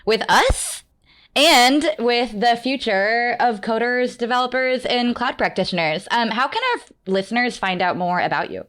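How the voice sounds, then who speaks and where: A woman speaks as a podcast co-host. She sounds warm and enthusiastic and teases the guests with a playful touch. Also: a little high, lively intonation, normal speed. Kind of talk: casual podcast chat.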